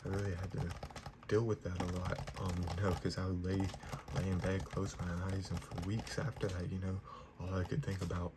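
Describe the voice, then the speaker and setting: A young man giving a whispered ASMR pep talk in a soft, reassuring manner. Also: sits low, flat delivery, brisk. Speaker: ASMR creator giving positive affirmations. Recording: noisy, clear background hiss.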